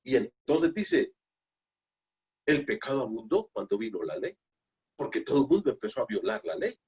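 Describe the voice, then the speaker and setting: A man's voice: mid-range voice, sing-song, moderate pace, creaky, a little mellow, highs cut off. A man preaching a Bible study sermon, emphatic, repeating phrases and asking rhetorical questions. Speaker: pastor.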